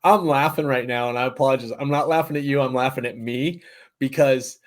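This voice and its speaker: A man's voice: mid-range voice, fairly quick. A man hosting a casual podcast, chatty and self-deprecating, asking loose, wandering questions. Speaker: podcast host. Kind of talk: casual interview chat.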